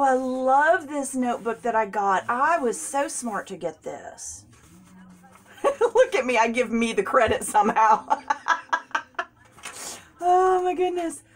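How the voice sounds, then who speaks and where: A woman, chatting casually and gushing as she unboxes craft supplies, laughing often. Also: on the high side. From United States. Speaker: crafting vlogger.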